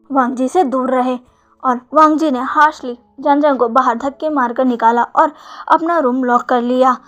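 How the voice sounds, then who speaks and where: A woman's voice: sits high, a bit bright. A woman casually retelling a fan fiction story, chatty and acting out the dialogue.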